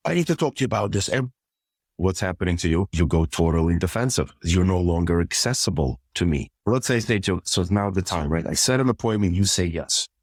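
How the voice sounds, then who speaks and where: A man's voice: deep voice, expressive, fairly quick, no room sound, studio quality. A middle-aged man, a couples therapist, explains communication steps one by one in a podcast conversation and acts out short example dialogues.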